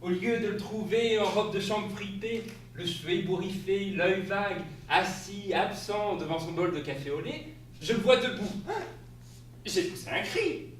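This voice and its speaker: A high-voiced man performs a comic theatrical monologue on stage as a flustered spouse spinning an absurd story, delivering it exclaimingly and laughing as he goes. Recorded from a distance, the stage sound is echoey with a faint hiss.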